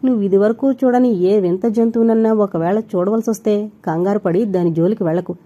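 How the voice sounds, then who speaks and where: A woman's voice: mid-range voice, brisk, warm tone, husky, dull audio, natural voice. A woman voicing a caring husband who cautions his wife, in an audio novel. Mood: cautioning. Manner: cautioning, protective.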